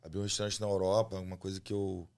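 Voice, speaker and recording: This low-pitched, fast-talking Carioca guest is a chef who owns a restaurant in Rio de Janeiro, Brazil. Easygoing and chatty on the podcast, he habitually closes his phrases with a tag question.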